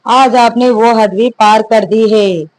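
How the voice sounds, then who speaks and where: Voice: medium pitch, steady tone, slow pace, close to an everyday voice, low-quality recording. A narrator voicing an angry young husband who confronts his father and stresses every word. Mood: furious. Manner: stern, stresses each word.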